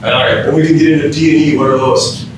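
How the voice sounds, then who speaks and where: This keynote speaker, an emergency physician from Minnesota in the US, talks fast in a steady tone while giving firefighters an interactive, informal training lecture peppered with questions to the audience. Recorded from afar in a very echoey room, with rumbling noise.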